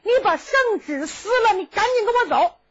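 A woman doing a shrill indignant old prince. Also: lively intonation, normal speed, fairly bright tone. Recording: dull lo-fi recording.

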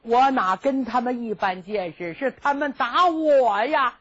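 Storytelling: woman putting on an outraged elderly prince, high pitched, lo-fi. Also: a little slow, fairly bright tone, slightly rough. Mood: aggrieved. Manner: shrill, indignant complaining. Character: blustering old male prince, indignant. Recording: dull lo-fi recording.

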